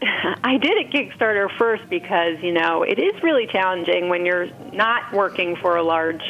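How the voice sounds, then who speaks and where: In a muffled, band-limited recording with noticeable background noise, a female food writer and entrepreneur chats as an interview guest. Her fairly low voice is expressive at a normal pace, and her explanations are full of fillers like "you know".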